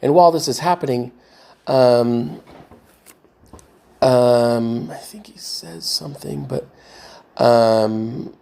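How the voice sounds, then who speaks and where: Man, mid pitch, gravelly; halting casual monologue full of fillers. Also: dark tone. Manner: halting, many fillers and restarts, trying to recall. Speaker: vlogger retelling a movie rewrite.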